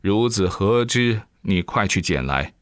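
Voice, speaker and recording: Picture an aloof old male immortal in a told tale, slow and solemn in his old-fashioned speech. His voice sits low and close, with a dry sound, and a man acts him out. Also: lively intonation, no room sound. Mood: scolding. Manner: slow, drawn-out classical declaiming.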